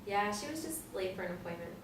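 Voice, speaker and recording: Woman playing a dry sarcastic young woman, talks fast, echoey room, mic far away. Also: mid-range voice, natural voice. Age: 20s. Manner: deadpan, quick comebacks. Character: dry, sardonic young woman selling ice cream. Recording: roomy, distant from the mic, faint noise.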